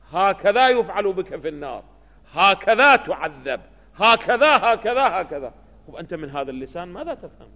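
Male lecturer, high and sharp voice, teaches by prodding the class with questions, in a reverberant hall. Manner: keeps asking rhetorical questions of students. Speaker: seminary lecturer.

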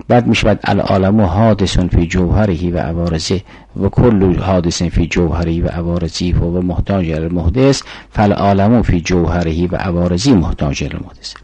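A man's voice: sits low, mellow, breathy edge, no room sound, low-quality recording. An older man giving a formal philosophy lecture, explaining arguments step by step and reciting Arabic syllogisms.

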